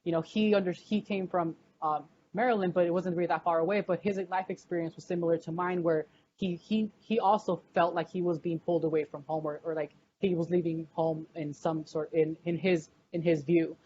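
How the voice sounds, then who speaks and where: A woman's voice: fairly low pitch, steady tone, brisk, warm tone, dull audio, slight background noise. A young woman, a graduate student, chatting casually in an interview with many fillers and restarts.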